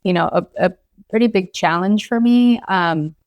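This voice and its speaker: A woman's voice: medium pitch, normal speed, a little mellow. A woman from Los Angeles in her thirties, a physician guest talking in a casual, hesitant way full of ums, likes and you knows. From Los Angeles, California. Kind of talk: casual podcast conversation.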